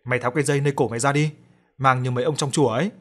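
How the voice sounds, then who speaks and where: A man voicing a cheeky, pushy village kid who teases quickly. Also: medium pitch, steady tone, close to an everyday voice. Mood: teasing.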